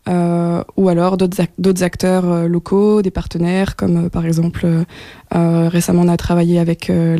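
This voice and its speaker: A young woman from France, a guest in a radio studio interview, talking with many fillers and pauses. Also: fairly low pitch, dark tone, no echo. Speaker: guest, project coordinator.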